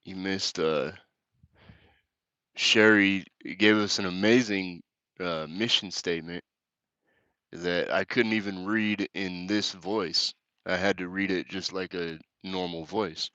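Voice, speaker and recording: A man's voice: low-pitched, fairly even intonation, slow pace, pushed and bright, dry recording, muffled recording. A man doing a push-up challenge on a live stream, reading chat comments aloud and cursing as he jokes, a little out of breath between sets. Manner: crude, joking, reads chat comments aloud with laughs.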